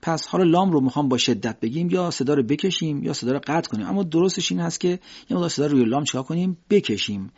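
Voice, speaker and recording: A man with a husky, slightly breathy voice explains recitation rules in a calm teaching manner. He draws out his spoken examples slowly between stretches of plain explanation. The recording sounds dull and lo-fi. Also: on the high side.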